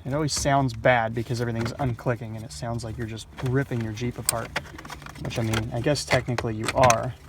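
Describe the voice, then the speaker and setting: There's heavy background noise as a man at a car dashboard explains an installation step by step. His medium-pitched voice stays fairly flat and moves fairly quickly, and his casual how-to style is plain and down to earth.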